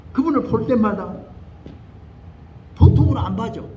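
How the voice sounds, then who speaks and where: A man's voice: very high voice, expressive, moderate pace, dull audio, a little hiss or hum. An older man preaching a sermon as pastor, telling a story animatedly and acting out the voices in it. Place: church sanctuary.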